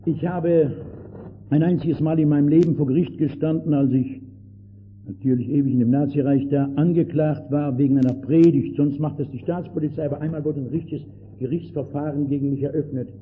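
Older male preacher, fervent sermon delivery with sharp loud-soft swings; thin lo-fi archival sound. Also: a little high, steady tone, fairly quick. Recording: tinny old lo-fi recording with faint hiss.

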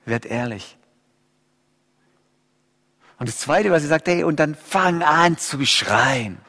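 Impassioned preacher in a reverberant hall. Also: male voice. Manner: impassioned, swings between loud outcries and hushed low asides. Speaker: pastor. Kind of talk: sermon.

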